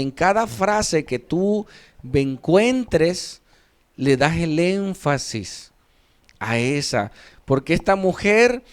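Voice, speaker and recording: A man's voice: on the high side, clean tone. A man, a pastor, teaching a sermon workshop, reading scripture aloud with emphasis and asking his listeners questions that he then answers himself. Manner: asks the audience questions and answers them himself.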